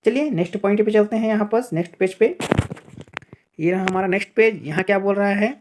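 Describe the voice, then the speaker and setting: A woman's voice: medium pitch, fast talker, noisy background. A woman teaching an exam-prep grammar lesson, repeating each example and checking in with "okay" as she goes. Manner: addresses viewers as friends, repeats examples, frequent "thik hai" checks.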